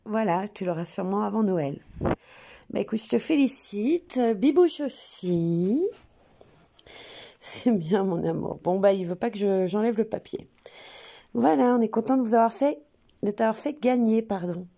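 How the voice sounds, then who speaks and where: A woman's voice: medium pitch, moderate pace, vocal fry, dark tone. A woman with a French accent hosting a spontaneous home video, hesitant with many fillers and restarts, cooing sweetly to her pet between remarks. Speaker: channel host.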